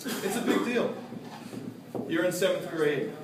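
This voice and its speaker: A man's voice: high-pitched, animated, measured pace, very noisy. A young man in his twenties, the son at his father's birthday party, giving a humorous speech full of anecdotes and laughing often as he tells them. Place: party room. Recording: echoey room, distant mic, loud crowd.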